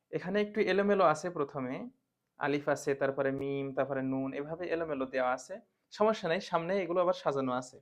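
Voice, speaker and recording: Patient male teacher chanting letter drills. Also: fairly high pitch. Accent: Bangladeshi Bengali. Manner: patient teacher, repeats letter names in a sing-song chant. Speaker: Quran reading teacher. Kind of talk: online class lesson.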